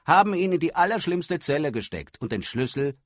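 A man's voice: fairly high pitch, very animated, a little fast, dry recording, clean studio sound, pitched above the performer's own voice. A man voicing a blunt, chatty, cheerful fishmonger in an audiobook. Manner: blunt, matter-of-fact, chatty. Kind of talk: audiobook character voice.

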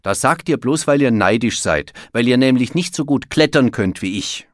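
A man's voice: medium pitch, expressive, moderate pace, dry recording, studio quality, pitched above the performer's own voice, lightly acted. A man voicing a proud, bragging young male bear cub in a children's storybook reading. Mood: boastful. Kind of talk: storybook read-aloud.

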